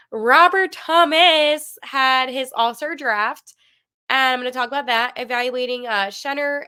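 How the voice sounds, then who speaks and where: A woman hosts a sports podcast, sharing opinions in a congested, nasal voice from a cold and using lots of ums and likes. Her voice is a little high, pushed and bright, with a clear, resonant tone.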